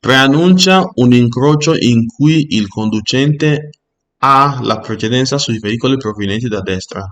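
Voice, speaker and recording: A man teaching a driving theory lesson, reading each rule aloud and then explaining it patiently, often checking understanding with a quick "Ok?". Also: medium pitch, a bit bright.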